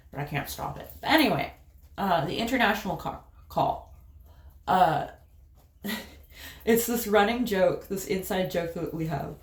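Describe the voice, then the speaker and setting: Fairly low in pitch and recorded with a roomy sound, this woman vlogs in an Appalachian accent. She talks casually as she applies makeup, wandering through a tale with laughs and filler words.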